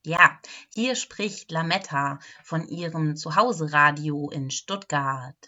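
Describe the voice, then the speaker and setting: Slow, bright-voiced woman reading a storybook. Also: low voice, muffled recording. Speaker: clown storyteller.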